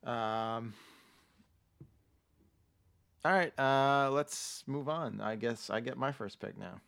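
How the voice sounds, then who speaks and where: A man hosting a casual podcast, explaining things in a halting way with frequent backtracking. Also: mid-range voice, vocal fry, a bit bright, clean tone. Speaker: podcast host.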